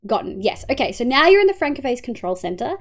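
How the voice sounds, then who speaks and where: Talking quickly in a slightly high, very animated voice, a young Australian woman hosts a casual livestream walkthrough of settings. She sounds congested and nasal, chats with her viewers, responds to chat, and hums to herself.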